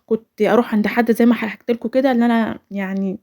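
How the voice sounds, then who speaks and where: A woman's voice: on the high side, fairly even intonation, racing, darkish tone. A woman in her twenties with an Egyptian Arabic accent, telling a personal story in a chatty, rambling voice-over full of restarts. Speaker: vlogger.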